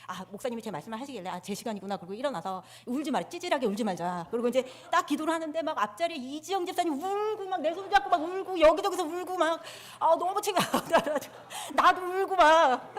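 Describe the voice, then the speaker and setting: Fast-talking woman sharing a church testimony. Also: high voice. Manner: candid, self-mocking storytelling. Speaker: church member giving testimony. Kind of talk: personal testimony to a congregation. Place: church sanctuary. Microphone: handheld microphone.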